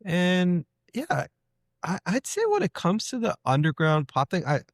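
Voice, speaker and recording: A man's voice: high-pitched, measured pace, no echo, studio quality. A man hosting a podcast, chatting enthusiastically with his guest and acting out quotes. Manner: enthusiastic, animated, acts out quotes. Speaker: podcast host. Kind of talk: casual interview.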